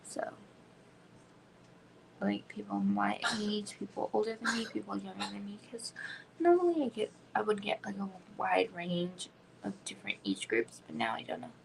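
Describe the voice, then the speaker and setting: Woman in her thirties, home livestream host, gravelly voice, rambling chatty delivery full of "like". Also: medium pitch, lively intonation, moderate pace, slight background noise, poor audio. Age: 30s. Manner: rambling, frequent "like" fillers, drops into whispers. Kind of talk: casual chat.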